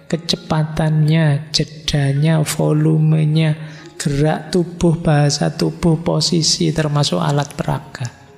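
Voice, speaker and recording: A man's voice: on the high side, creaky, a little mellow. A middle-aged man giving a casual, teasing philosophy lecture, recorded in a large hall. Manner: casual, teasing, mixes in Javanese words. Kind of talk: live lecture. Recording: lecture hall with long reverb, faint music.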